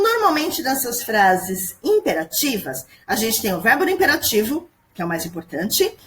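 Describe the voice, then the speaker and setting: A woman teaching grammar in a patient, explanatory way, checking in with her students over and over. Her voice sits fairly high and swings widely in pitch. A faint hiss of background noise sits under the recording. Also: fairly bright tone. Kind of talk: screen-recorded grammar lesson. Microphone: computer mic at home screen recording.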